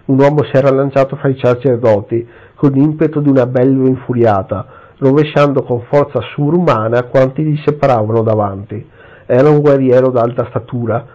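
Male narrator, dark mellow voice, dramatic novel reading, lo-fi sound. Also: medium pitch. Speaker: reader. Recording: slightly dull lo-fi recording.

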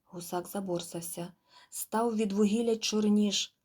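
A woman narrating an audiobook in a measured, quiet, expressive storytelling manner. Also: medium pitch, husky. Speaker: audiobook reader. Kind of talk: scripted narration.

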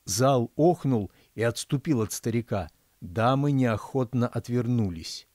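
A male author reads his own fairy-tale novella in a measured, even storytelling voice. His voice sits at a middle pitch. The recording is dry and close, with no room echo. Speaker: author reading his audiobook. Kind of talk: audiobook narration.

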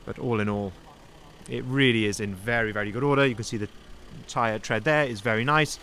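Filming first-person with a handheld phone on an outdoor dealership lot, a young van sales manager does a cheerful walkaround, calling out both strengths and flaws. His medium-pitched voice is brisk and a bit bright, with a little hiss or hum in the recording.

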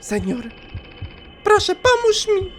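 A man's voice: very high voice, wildly swooping pitch, takes it slowly, fairly bright tone, a little hiss or hum, voice pushed up, heavily acted. A man doing a terrified pleading girlfriend. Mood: desperate. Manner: pleading, panicked. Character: terrified young woman girlfriend begging for help. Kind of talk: dubbing a game's dialogue.

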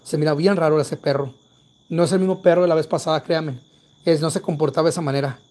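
A man with a Mexican accent hosting a live paranormal investigation stream, urgent, calling out loudly to a spirit and then dropping to hushed whispers. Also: a little high, fairly even intonation, quick pace. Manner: urgent, shifts between loud calls to a spirit and hushed whispers. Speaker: paranormal livestream host.

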